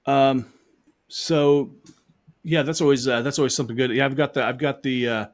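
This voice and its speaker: A man co-hosting a live hypnosis stream from his home setup, talking loosely and circling back on his words. His voice sits at an ordinary middle pitch, and the chat runs with plenty of fillers and restarts. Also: fairly even intonation, moderate pace. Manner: rambling, many restarts and fillers. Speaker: hypnotist co-host. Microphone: online video call.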